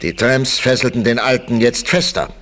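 A man narrating a radio play in a measured storytelling manner. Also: mid-range voice, fairly bright tone, slight background noise.

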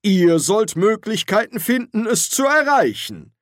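A man's voice: high voice, very animated, measured pace, fairly bright tone, no echo, clean studio sound, pitched above the performer's own voice, heavily acted. A man doing a bossy old archchancellor. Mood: commanding. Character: bluff older male archchancellor, commanding.

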